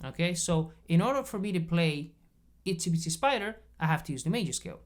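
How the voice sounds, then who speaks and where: A man teaching bass guitar in a casual video lesson, explaining patiently step by step and checking in often. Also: expressive, quick pace. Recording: bass guitar playing between phrases.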